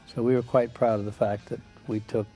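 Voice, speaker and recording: A man's voice: medium pitch, level tone, brisk, poor audio. An older man, a former astronaut, reminiscing in a documentary interview. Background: music.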